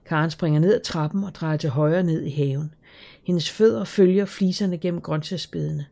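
A woman calmly narrating a children's story in a measured, scripted reading. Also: lowish voice, creaky. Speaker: audiobook narrator.

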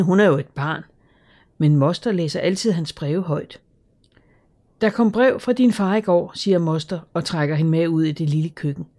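Woman narrator, low mellow voice, calm measured storybook reading. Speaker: audiobook narrator.

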